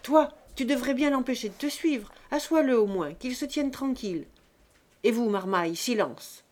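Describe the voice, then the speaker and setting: A woman reading an audiobook and voicing a stern old peasant man who gruffly scolds children, pitched higher and louder than her narration. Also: animated, normal speed, natural voice. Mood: scolding.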